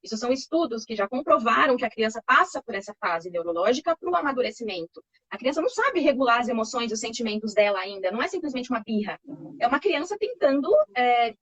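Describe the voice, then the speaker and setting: Breathy woman explaining patiently. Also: high voice, a bit bright, no echo. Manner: patient, reassuring, frequent tag questions. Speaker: child development expert guest. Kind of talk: explanatory interview answers. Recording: slightly muffled lo-fi recording.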